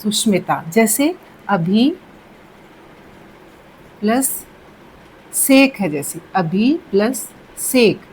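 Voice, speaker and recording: A woman's voice: fairly high pitch, expressive, very slow, long pauses, a little mellow, a little hiss or hum, poor audio. A woman teaching Hindi grammar in a patient classroom manner, repeating key words and checking in often. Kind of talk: slow, deliberate classroom explanation.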